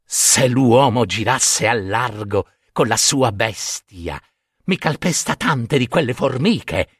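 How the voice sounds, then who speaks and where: A man voicing a small, dignified male ant king in a storybook reading, low and grumbling. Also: animated, slow pace, breathy edge, no echo, studio quality, heavily acted.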